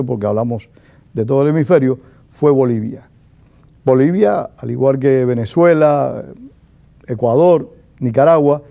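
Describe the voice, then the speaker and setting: A male television journalist conducting a formal interview, speaking in a measured, deliberate way. His voice sits at an ordinary middle pitch. The broadcast recording sounds dull and lo-fi.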